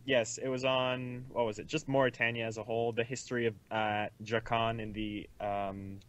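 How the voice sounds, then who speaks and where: A man's voice: medium pitch, flat delivery, moderate pace. A man co-hosting a casual podcast chat, talking in an easygoing, loose way. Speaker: podcast co-host. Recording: dull lo-fi microphone.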